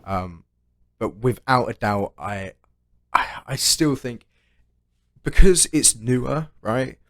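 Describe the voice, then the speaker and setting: A man's voice: mid-range voice, lively intonation, slow pace, no room sound. A man co-hosting a casual chat show, telling long rambling stories, swearing freely and ending lines with "right?". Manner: rambling storyteller, tags "right?" onto sentences. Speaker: podcast co-host.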